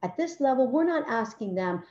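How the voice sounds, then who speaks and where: Upbeat woman teacher explaining a lesson plan, mellow voice on a lo-fi mic. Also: animated, normal speed, echoey room. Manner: enthusiastic, acts out classroom talk in a higher voice. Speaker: language arts teacher.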